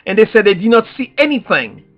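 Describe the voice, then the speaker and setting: With big pitch swings and a fast pace, a high-voiced Haitian-accented activist delivers a preacher-like public address, driving points home through repetition and pointed rhetorical questions. The audio is dull and lo-fi, with faint music beneath.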